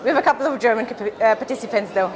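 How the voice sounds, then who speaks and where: A woman's voice: on the high side, very fast, crowd noise. A woman from Austria, an official of a memory sports association, answering a reporter's questions fluently at a championship venue. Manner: fluent, explanatory, with some restarts. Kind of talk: on-the-spot interview. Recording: noisy event hall.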